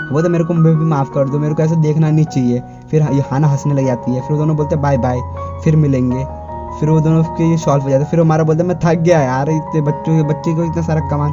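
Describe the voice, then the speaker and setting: A man casually retelling an anime episode, stringing events together in a rambling way with frequent restarts. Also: a little high. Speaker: anime recap narrator. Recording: dull lo-fi recording.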